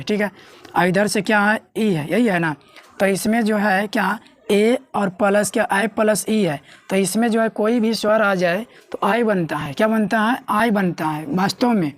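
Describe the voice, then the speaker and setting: A woman teaching a grammar lesson, often asking herself questions and answering them. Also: mid-range voice. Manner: asks and answers her own questions. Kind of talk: classroom lesson explaining at a board.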